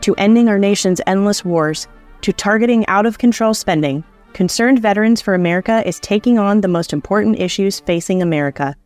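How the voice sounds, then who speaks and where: Lady reading an ad spot, mid pitch, upbeat, light music behind. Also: brisk, a little mellow. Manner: upbeat promotional delivery. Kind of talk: ad read.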